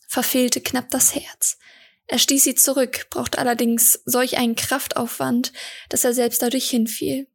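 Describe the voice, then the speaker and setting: Woman reading her fantasy story aloud, high pitched, a little breathy, steady calm telling. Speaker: narrator.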